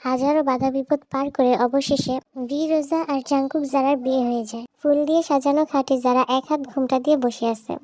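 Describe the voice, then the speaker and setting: High-voiced young woman telling a story. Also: steady tone, a little fast, mellow, dry recording. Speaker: narrator. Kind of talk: storybook narration of fan fiction.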